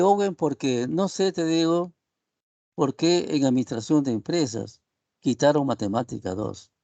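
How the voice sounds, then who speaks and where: A man's voice: fairly high pitch, warm tone, no room sound. A male professor giving an online class on a video call, rambling and leaning on tag questions as he addresses his students. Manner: addresses students as "estimados alumnos". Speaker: university professor.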